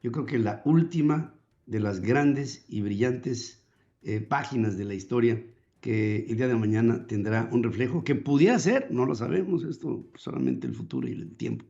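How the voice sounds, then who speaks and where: An older man hosting a radio talk show, reflective and drawn-out, with frequent restarts. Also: mid-range voice, very animated, creaky, dark tone. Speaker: radio host. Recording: muffled lo-fi broadcast audio.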